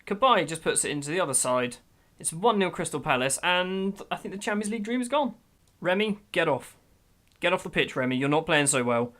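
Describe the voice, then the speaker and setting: A man giving let's-play commentary over a football management game, excitable, swinging from grumbling to loud outbursts. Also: fairly high pitch, brisk. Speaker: gaming YouTuber.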